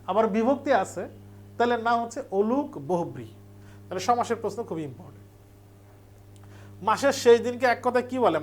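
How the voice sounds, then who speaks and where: A teacher giving an exam revision lecture, explaining step by step and repeating key points for emphasis. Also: medium pitch.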